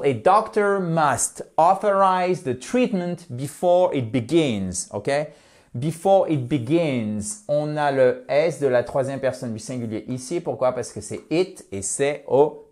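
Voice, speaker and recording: A man's voice: fairly high pitch, darkish tone. Man teaching English in a lesson. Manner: explains step by step, slows down to model English words. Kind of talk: online language lesson.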